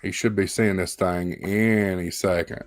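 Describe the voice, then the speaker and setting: A man's voice: low voice, steady tone, measured pace, no echo, faint music behind. A man hosting a livestream, giving live storm-tracking commentary in an urgent, emphatic, repetitive manner. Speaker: livestream host.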